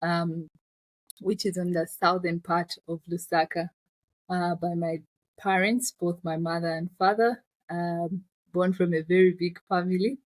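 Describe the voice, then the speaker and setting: As an interview guest, a woman who founded a finance business tells her personal story reflectively and conversationally, in a Zambian accent. Her fairly low voice is unhurried with fairly even intonation, and the audio is poor though without echo.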